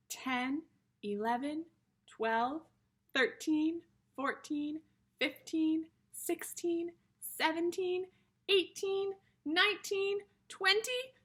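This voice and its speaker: A woman teacher reads a picture book aloud to young children, explaining simply and addressing them directly as friends. Her voice sits high and sounds a bit bright.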